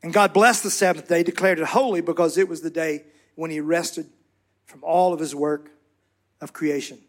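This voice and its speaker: A man with a fairly high voice preaches to a church congregation. He rallies the room with fervent calls, then drops to slow, soft, emphatic words. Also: steady tone. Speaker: pastor. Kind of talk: sermon.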